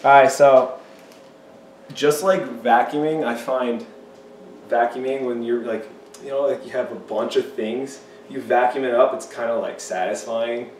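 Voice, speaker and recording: A man's voice: medium pitch, measured pace, a little mellow, distant mic. A young man, a personal trainer, chatting casually and hyping things up while cooking in a home kitchen. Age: young adult. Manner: upbeat, hype-filled, says "you know" often. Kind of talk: casual cooking video chat. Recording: roomy kitchen echo, faint noise.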